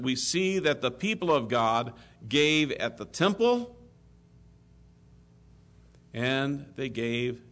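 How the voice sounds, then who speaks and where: Man preaching with swelling, dropping delivery. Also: medium pitch. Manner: preacherly, swells loud on key phrases then drops soft. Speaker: pastor. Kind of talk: sermon.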